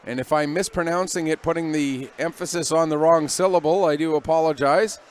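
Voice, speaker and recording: A man calling amateur ice hockey play-by-play at a local rink, giving brisk running calls of each play. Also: fairly high pitch, fairly even intonation, clear, resonant tone. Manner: brisk running play calls, rising when the action peaks. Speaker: play-by-play commentator.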